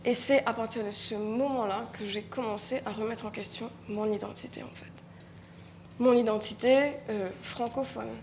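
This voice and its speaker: Again speaking reflectively on a live conference panel, the Mauritian woman writer pauses and repeats words while hunting for them. Her Mauritian French-accented voice is fairly high, with fairly even intonation over background noise.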